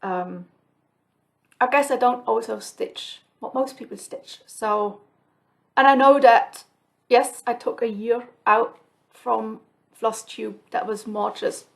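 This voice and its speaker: This flosstube host speaks slowly in a slightly high voice with vocal fry and fairly even intonation. She's from Switzerland, her first language is Swiss German, and she rambles chattily to camera from home, on her own. Reflective, she says um often and restarts frequently.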